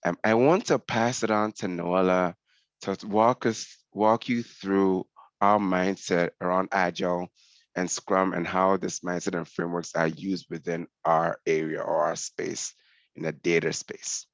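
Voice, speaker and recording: A man's voice: sits low, level tone, a little slow, dry recording. A man from Ghana, a senior scrum master, giving a conversational webinar presentation over a headset on a video call. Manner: conversational, explanatory. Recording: dull lo-fi call audio.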